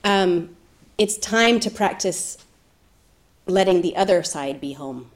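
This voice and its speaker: Soft-spoken woman teaching meditation. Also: lowish voice, animated, takes it slowly. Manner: soft-spoken, thoughtful, with gentle laughs. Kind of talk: reflective dharma talk.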